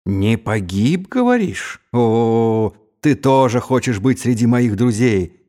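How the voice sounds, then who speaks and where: A man's voice: mid-range voice, fairly even intonation, takes it slowly, warm tone, natural voice. A man voicing a drunken, raging young Mongol khan who is suspicious and given to wailing outbursts. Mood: wild, drunken.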